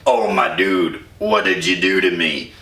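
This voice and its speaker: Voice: low-pitched, unhurried, sharp tone, pitched below the performer's own voice. A tipsy storyteller voicing a boastful Titan king who talks in street slang. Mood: swaggering. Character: swaggering slangy Titan king, greedy and paranoid. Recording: roomy echo, distant mic.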